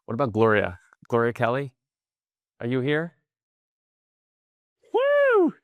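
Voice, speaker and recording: A man in his thirties from the New York area gives a motivational keynote with an energetic storytelling drive. His voice sits at a medium pitch and climbs high and loud when he gets excited. The sound is dry and close, with little room echo. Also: moderate pace, clean tone, lo-fi sound. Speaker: keynote speaker. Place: large conference hall.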